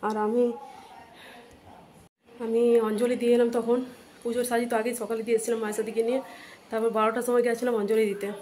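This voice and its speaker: A woman in her thirties with a Bengali accent, chatting softly to viewers in a home vlog, her throat dry. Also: a little high, little pitch movement, slight background noise. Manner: talks softly and slowly to save a dry throat. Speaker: vlogger. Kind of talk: casual vlog chat to viewers.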